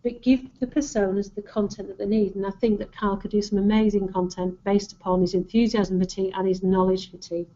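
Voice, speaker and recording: A woman's voice: medium pitch, level tone, brisk, few pauses, mellow, a little hiss or hum. A woman with a Lancashire accent giving an informal marketing presentation, advising in an encouraging, conversational way. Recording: dull, lo-fi audio.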